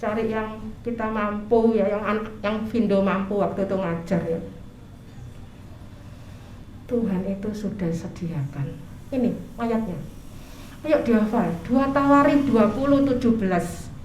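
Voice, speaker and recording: An older woman preaching a sermon, animated and chatty, acting out prayers in a raised voice. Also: mid-range voice, measured pace, long pauses, slight background noise. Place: church. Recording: echoey church room, faint ambience.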